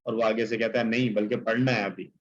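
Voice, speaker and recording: A man's voice: fairly low pitch, fairly even intonation, dull audio. A male teacher giving an explanatory lecture, reciting Arabic verses and translating them, with many filler phrases.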